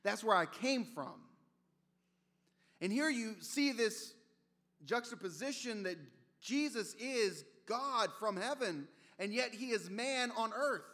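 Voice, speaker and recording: A man's voice: high voice, animated, takes it slowly, bright, forceful tone. A man preaching a sermon as pastor, conversational and storytelling, with casual asides. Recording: long reverb of a large hall.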